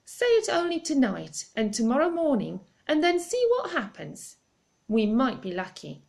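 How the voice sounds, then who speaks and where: Woman reader doing a shy, earnest older man, anxious and soft-spoken, lively inflection. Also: high-pitched, moderate pace, creaky, voice pushed up, heavily acted. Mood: reassuring.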